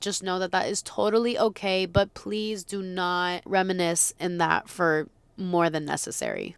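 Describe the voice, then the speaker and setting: Young woman doing a chatty podcast in her car, bubbly and slangy, normal pitch, super dry sound. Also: clear, resonant tone, no echo. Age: young adult. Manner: bubbly, informal, slangy direct address to viewers. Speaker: podcast host. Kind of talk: casual chatty solo video podcast. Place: inside a parked car.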